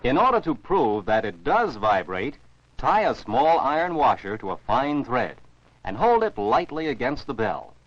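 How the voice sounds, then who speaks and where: This 1949 educational film soundtrack, dull and dry with slight background noise, features an American male narrator explaining scripted science to children. He speaks at medium pitch with big pitch swings and normal speed, in a careful, teacherly enunciation.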